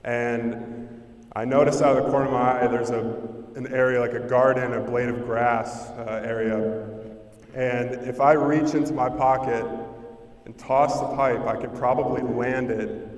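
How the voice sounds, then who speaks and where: A young man tells a personal story to a school audience in a flat, even tone, taking his time with pauses and fillers. He is heard from a distance in a large auditorium, and his voice rings with a long hall echo. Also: medium pitch. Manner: earnest, unhurried, with pauses and fillers. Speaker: speaker at a school assembly. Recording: roomy, distant hall sound.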